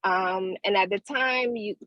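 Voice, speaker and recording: A woman calling in by phone from outdoors, testifying at a hearing in a hesitant, halting way as the line crackles and fades in and out. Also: medium pitch, dry recording. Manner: hesitant, halting, many restarts. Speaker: property owner appealing a violation. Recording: dry, muffled phone line.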